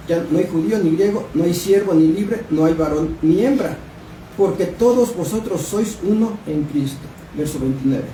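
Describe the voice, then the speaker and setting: Preacher in an echoey church. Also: male voice, high voice, mellow. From Mexico. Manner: questioning the congregation, reading scripture aloud. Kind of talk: Bible study sermon. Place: church hall. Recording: echoey room, distant mic, background noise.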